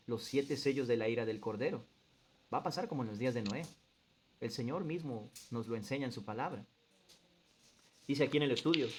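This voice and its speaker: A man's voice: mid-range voice, darkish tone, a little hiss or hum. A man leading a group Bible study in an earnest, teaching manner, reading passages aloud and putting questions to the group. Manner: earnest teacher who quizzes the group and stresses points.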